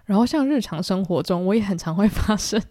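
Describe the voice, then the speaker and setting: Fast-talking young Taiwanese woman. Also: medium pitch, dry recording, studio quality. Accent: Taiwanese Mandarin. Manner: animated, self-mocking, acts out quoted lines. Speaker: podcast host. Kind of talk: solo storytelling chat.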